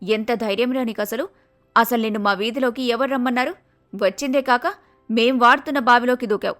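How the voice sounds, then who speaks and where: A woman voicing a prejudiced young village woman who loudly scolds and accuses others, in a cartoon story. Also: a little high, fairly even intonation, a little fast, faint music behind, lightly acted. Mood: accusing.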